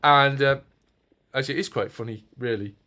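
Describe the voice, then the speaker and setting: A man's voice: mid-range voice, fairly quick, pushed and bright. A man in his forties giving a rambling, self-mocking home vlog with puns, filmed on a phone or camera in his decorated family home. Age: 40s. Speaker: vlogger.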